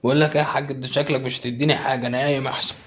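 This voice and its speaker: A man's voice: medium pitch, little pitch movement, very fast, slight background noise. Cheeky young Egyptian man in a sketch. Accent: Egyptian Arabic. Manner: pleading, cheeky. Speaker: comedy sketch creator. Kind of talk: comedy sketch.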